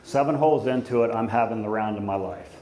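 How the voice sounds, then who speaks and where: A middle-aged man giving an informal father of the bride speech at a wedding reception, conversational and anecdotal, pausing for the guests. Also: fairly low pitch. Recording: echoey room, loud crowd and background noise. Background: crowd of guests, room noise.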